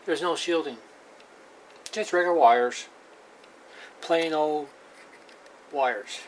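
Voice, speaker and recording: This man talks slowly in a voice on the high side, plain-spoken and halting with frequent repetition. He's a hobbyist giving a casual, unscripted hands-on demo of radio equipment, recorded amateurishly with obvious noise.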